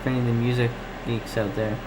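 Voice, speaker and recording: Chatting casually on his live stream, a Canadian radio hobbyist reads and answers comments, thinking aloud in a rambling, distracted way. He talks fast in a medium-pitched, level tone, and there's background noise.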